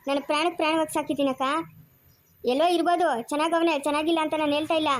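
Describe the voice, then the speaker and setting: A bitter, defiant young mother with a rural Chikkaballapur Kannada accent, as an actress plays her in an amateur family drama. Her voice is high and her words come fast. She throws out accusing questions and refuses to give way. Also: fairly even intonation, close to an everyday voice. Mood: resentful.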